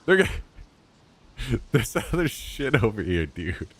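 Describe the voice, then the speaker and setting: A man's voice: fairly low pitch, big pitch swings, a little slow, breathy edge. Profane, exasperated male streamer ranting. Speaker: live streamer. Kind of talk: casual live stream rant.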